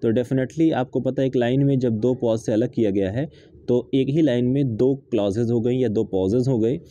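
A man's voice: medium pitch, mellow, no room sound, muffled recording. A man teaching a literature lesson, reading English lines aloud and then explaining them step by step with fillers. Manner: reads English text slowly, then explains it in Hindi with fillers.

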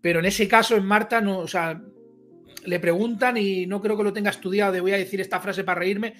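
Hombre de voz aguda y charla coloquial. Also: male voice, sits high, steady tone, fairly quick, fairly bright tone, soft background music. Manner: chatty, slangy, many fillers and restarts. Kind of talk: casual live chat.

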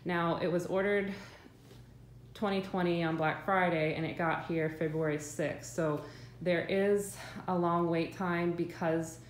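A young woman with a lowish, steady, unhurried voice gives a casual, chatty review of her couch. She's hesitant, full of ums and restarts, filming on a handheld phone in her living room, where the room echoes and a faint hum sits in the background.

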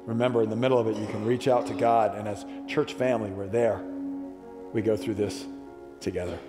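A man's voice: lowish voice, fairly even intonation, fairly quick, music in the background. A male pastor delivering a sermon, building to emphatic repeated calls to the congregation. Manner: preaching with rising emphatic repetitions. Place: church sanctuary. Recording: long church hall reverb.

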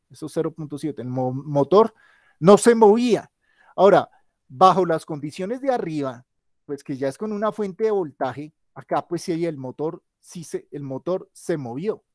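A tired male teacher with a fairly high voice runs an online class on a shared whiteboard, thinking aloud and correcting himself as he goes. The audio is studio quality with no room sound.

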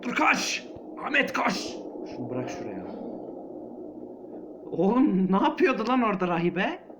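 A man's voice: high-pitched, wildly swooping pitch, a little slow, background noise. Jumpy man narrating a horror game. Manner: jumpy, panicky, yelps and mutters to himself. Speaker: gamer playing a horror game. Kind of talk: let's-play commentary. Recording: muffled lo-fi with loud game ambience.

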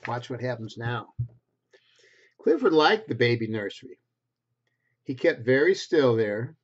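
Reading a picture book aloud to preschoolers, a man in his sixties takes an unhurried pace in a mid-range voice. He's expressive and keeps the wording simple, adding little asides. A computer webcam at desk distance in his small home bedroom records it, and the sound is dull and lo-fi.

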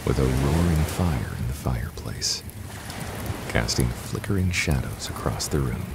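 A man narrating a guided sleep meditation in a soft, hushed, soothing voice that at times drops to a whisper. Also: very deep voice, lively intonation, measured pace, gravelly, noisy background. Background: new-age music and ocean waves.

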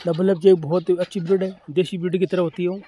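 High-pitched, warm, and flat in delivery, a fast-talking poultry farmer from Rajasthan addresses viewers directly in a relaxed explainer vlog. He repeats himself in plain terms, recorded outside on his farm with clucking chickens and faint noise.

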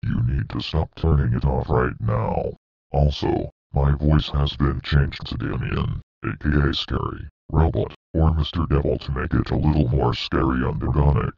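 A deep demonic robot stick figure. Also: male voice, normal speed, creaky, slightly rough, no echo, dull audio, exaggerated voice. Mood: menacing. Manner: flat threatening ultimatums. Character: menacing male stick-figure computer demon. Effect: robotic synthetic voice.

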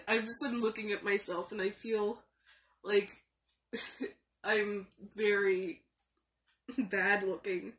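Tearful young woman venting, slow and halting. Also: mid-range voice, little pitch movement, fairly bright tone. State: tearful, crying, upset. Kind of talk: emotional confessional vlog, venting. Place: small room indoors. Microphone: phone or webcam at arm's length.

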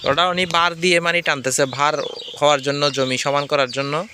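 A man with a bright, forceful voice chats informally for a vlog. He asks curious questions in plain, everyday words. The recording is outdoors in farmland, with faint field noise behind him. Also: a little high, fairly even intonation, brisk. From Chittagong, Bangladesh. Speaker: vlogger. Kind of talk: casual outdoor vlog chat. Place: outdoors in open crop fields. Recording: noisy open-air farmland, birds and vehicles.

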